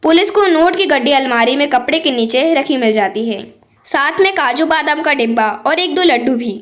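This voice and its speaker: Lady narrating a storybook tale, high voice, steady telling. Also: normal speed.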